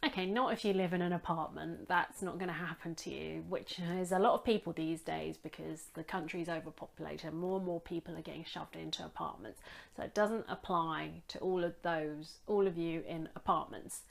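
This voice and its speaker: A woman's voice: fairly low pitch, fairly even intonation, moderate pace, gravelly. Woman vlogger from England, casual, wry and rambling, talking to a phone camera at home. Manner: rambling, self-deprecating, wry. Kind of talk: casual chatty vlog. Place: home room with daylight. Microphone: phone front camera.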